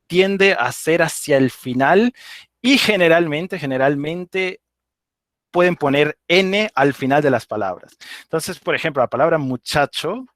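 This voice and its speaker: Venezuelan andean guy explaining stuff live, kinda high voice, dry close sound, keeps saying ok?. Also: fairly bright tone, no room sound. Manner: explanatory, informal, with frequent "ok?" checks and laughs. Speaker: guest speaker on dialects. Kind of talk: live online talk.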